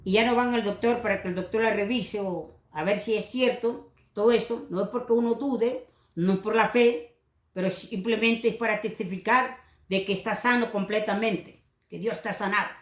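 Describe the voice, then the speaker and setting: A woman's voice: mid-range voice, normal speed, echoey room. Impassioned woman preaching a sermon. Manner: impassioned, mimics other preachers mockingly.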